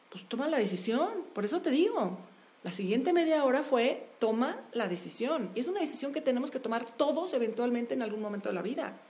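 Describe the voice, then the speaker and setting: A Mexican woman, an open-water swimmer, talking in a casual interview in an animated, emphatic way and firing off rhetorical questions. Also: a little high.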